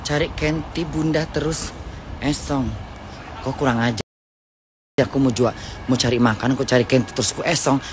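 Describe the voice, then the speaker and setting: A middle-aged woman ranting loudly and crudely to her viewers while walking a city street. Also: very deep voice, fairly even intonation, normal speed, pauses often, background noise. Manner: brash, loud, foul-mouthed ranting to viewers. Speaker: live streamer. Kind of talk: casual live-stream chat while walking. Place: outdoors on a city street with traffic.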